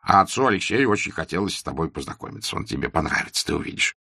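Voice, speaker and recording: A man's voice: extremely low pitch, lively intonation, rapid-fire, vocal fry, pushed and bright, breathy edge, no echo, studio quality, heavily acted. A man voicing a talkative old country doctor in his sixties, a doting father who rambles in flowery phrases. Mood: fond, chatty. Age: 60s.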